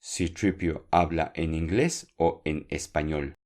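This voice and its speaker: A man teaching a podcast Spanish lesson, speaking slowly and clearly, repeating words for learners and encouraging them. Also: very deep voice, darkish tone, soft background music.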